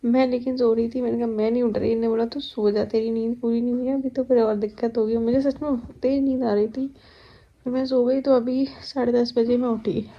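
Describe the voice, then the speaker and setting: A woman's voice: fairly high pitch, flat delivery, fairly quick, muffled recording. A young woman chatting to her viewers at home in a casual vlog, telling stories about her day. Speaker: vlogger. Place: at home, kitchen.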